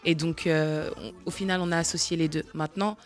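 A woman's voice: low voice, steady tone, brisk, soft background music. Earnest woman promoting her festival. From France. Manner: earnest and promotional, lists names and plans. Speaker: festival organizer. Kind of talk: radio interview guest.

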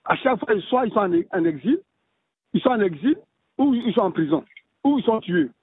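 A man calling in to a radio show and leaving an answering machine message, speaking in a hesitant, halting way with many restarts. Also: high voice, very animated, breathy edge, dry recording. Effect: answering machine message over a phone line. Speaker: listener caller. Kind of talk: voicemail left for a radio call-in show. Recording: tinny phone-line voicemail.

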